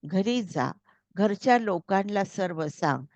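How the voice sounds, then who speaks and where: A woman's voice: medium pitch, lively intonation, takes it slowly, a little mellow, dry recording. A woman reading as a firm protective older brother. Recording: slightly dull, dry recording.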